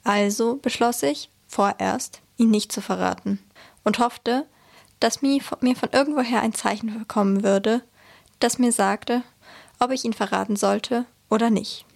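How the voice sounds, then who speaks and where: A woman reading a first-person memoir aloud in a measured, earnest way. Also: fairly high pitch, fairly even intonation, creaky, a little mellow. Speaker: reader.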